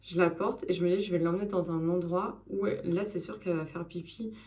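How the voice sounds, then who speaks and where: Casual vlogger, woman in her thirties, chatty and expressive, lowish voice. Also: fairly quick. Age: 30s. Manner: chatty and expressive, with frequent fillers. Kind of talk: casual vlog chat.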